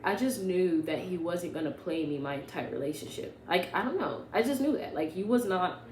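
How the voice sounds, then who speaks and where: A woman's voice: fairly low pitch, lively intonation, brisk, a little mellow. A young woman casually telling a personal story to her vlog audience, sarcastic and full of "like" and "you know what I'm saying". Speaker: vlogger. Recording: roomy echo with faint hum.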